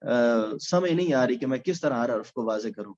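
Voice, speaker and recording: A man's voice: medium pitch, lively intonation, a little mellow, muffled recording, slight background noise. A male recitation teacher giving a recorded lecture, explaining step by step with frequent hesitation sounds.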